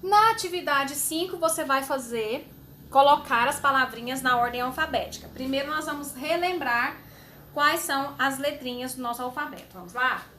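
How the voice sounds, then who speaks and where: A woman teacher explaining a homework sheet to young children, slowly and patiently, with fond little words. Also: sits high, sharp tone, slight background noise. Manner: slow, patient, uses diminutives. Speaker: schoolteacher.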